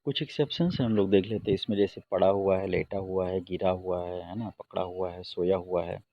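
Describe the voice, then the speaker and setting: A man teaching an English grammar lesson in Hindi, reading the English example sentences slowly and deliberately. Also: low-pitched, fairly even intonation, creaky, highs cut off.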